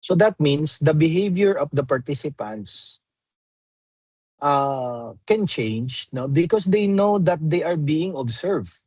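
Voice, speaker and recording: A man lectures slowly to a graduate class, his voice a little husky. He explains step by step and keeps checking in with his students through tag questions. The sound is dry and dull, like lo-fi video-call audio. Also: a little high, lively intonation, a little mellow, no room sound. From Philippines. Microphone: computer mic in a video call.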